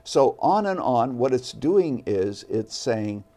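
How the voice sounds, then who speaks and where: A man appearing as a studio guest, speaking earnestly and deliberately about faith. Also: mid-range voice, very animated, warm tone. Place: television studio.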